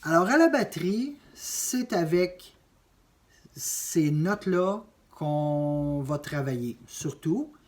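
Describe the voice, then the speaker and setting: A man's voice: on the high side, animated, slow. A man teaching a drum lesson, explaining note values step by step and counting beats aloud. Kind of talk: music lesson.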